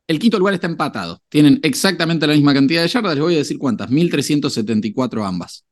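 A man's voice: on the high side, expressive, fast. A man hosting a casual sports podcast and addressing his co-hosts with mock formality. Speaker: podcast host. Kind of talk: casual podcast chat, quiz master.

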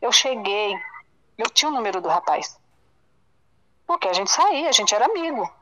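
Woman, Brazilian accent, higher voice, interview testimony, halting, repetitive. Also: sing-song, fairly bright tone, poor audio. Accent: Brazilian Portuguese. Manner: halting, repeats herself, acts out dialogue. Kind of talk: emotional personal testimony.

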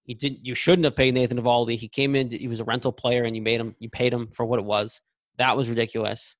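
A man in his late twenties speaks in a casual podcast chat, laying out blunt, opinionated arguments. His voice sits at a middle pitch and sounds dry and close, with no room echo. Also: little pitch movement, fast. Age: 20s. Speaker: podcast co-host.

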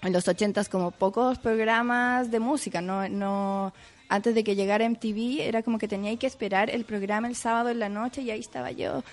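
A woman's voice: on the high side, steady tone, brisk, faint music behind. Chilean woman rambling happily in an interview, lots of "como" and little laughs. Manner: chatty, filler-heavy, laughs easily. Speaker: guest. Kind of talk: casual interview chat.

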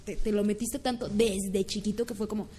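A young woman with a Mexican accent in casual, earnest chat, telling stories and dropping to soft murmurs. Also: mid-range voice, steady tone, a little fast, a little hiss or hum. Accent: Mexican Spanish.

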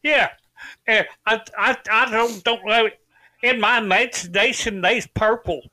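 A man playing a dim-witted, earnest rural brother who talks in a slow, ungrammatical backwoods drawl. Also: high-pitched, bright, forceful tone, exaggerated voice.

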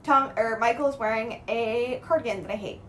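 A young woman co-hosts a podcast in a loose, rambling way. Her voice sits a little high, and she keeps filling her sentences with casual words as she recaps a show. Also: brisk, a bit bright, slight background noise. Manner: rambling, chatty, heavy with filler words. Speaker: podcast co-host.

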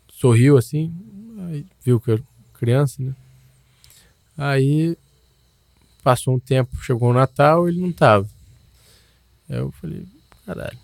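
A man's voice: mid-range voice, creaky, a little mellow, dry recording. A young man, telling a personal story in a loose, slangy way, full of restarts and tags. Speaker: guest.

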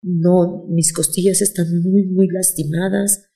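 Woman retelling a quiet, beaten man in pain. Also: on the low side, little pitch movement, takes it slowly, rough recording. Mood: hurting. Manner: quiet, pained. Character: injured, beaten man, weak and afraid.

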